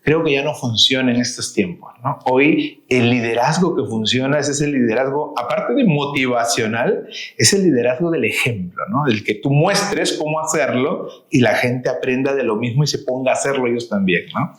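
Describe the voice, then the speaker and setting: A man's voice: mid-range voice, normal speed, roomy sound. A man hosting a casual podcast, affirming his guest and tagging his phrases with a questioning "¿no?". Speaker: podcast host.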